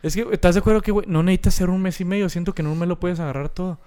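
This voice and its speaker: A man's voice: sits high, steady tone, mellow, clear, resonant tone. A young man with a Mexican accent in casual, slangy chat, acting out old exchanges. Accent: Mexican Spanish. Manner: fast, slangy, acts out past exchanges.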